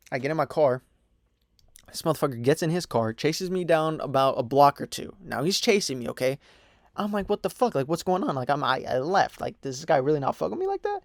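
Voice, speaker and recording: A man's voice: a little high, no echo, studio quality. Young man telling a profane, rambling story. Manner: profane, rambling, full of "you know" and "whatever" fillers. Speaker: storytime vlogger. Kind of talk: casual storytime monologue.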